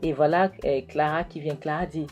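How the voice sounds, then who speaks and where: Low-voiced woman recapping a film. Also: fairly even intonation, normal speed, darkish tone, faint music behind. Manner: hesitant, many fillers and restarts. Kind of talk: casual film recap narration.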